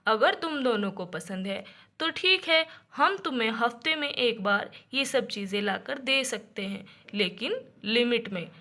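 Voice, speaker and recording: A woman's voice: on the high side, animated, unhurried, sharp tone, pitched below the performer's own voice, full character voice. Woman putting on a stern lecturing father. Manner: lecturing, firm. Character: stern father scolding his daughters. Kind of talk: doll storybook acting.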